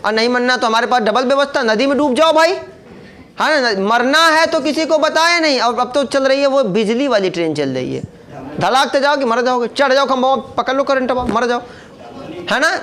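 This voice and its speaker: A man's voice: very high voice, a bit bright. A man gives an informal lesson. He keeps checking with his listeners through rhetorical questions and tosses in jokes, in a chatty, down-to-earth tone. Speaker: teacher. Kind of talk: informal classroom lecture.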